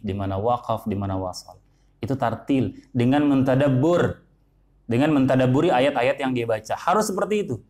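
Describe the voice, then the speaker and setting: A man gives a religious lesson on Quran recitation. He speaks at a measured pace, often repeating a word before moving on. His voice sits at an ordinary middle pitch. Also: a little mellow.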